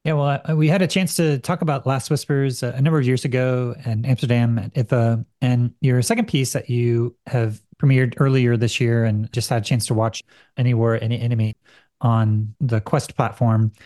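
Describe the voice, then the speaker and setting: A man's voice: mid-range voice, fairly even intonation, moderate pace, warm tone, no room sound. Casual male podcast host, dry sound. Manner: casual, conversational, loose phrasing. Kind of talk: podcast intro and interview questions.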